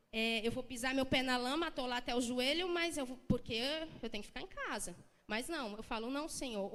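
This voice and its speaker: In a church with long hall reverb, a young woman from Brazil's São Paulo coast shares a heartfelt, emotional testimony in her regional Brazilian Portuguese accent. Her voice sits high and a bit bright, and her conversational delivery keeps restarting.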